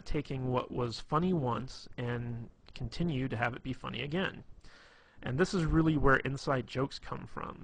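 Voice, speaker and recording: Husky man giving rambling dating tips. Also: mid-range voice, fairly bright tone. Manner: rambling, many fillers and restarts. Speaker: dating advice instructor. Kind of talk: casual tutorial talk.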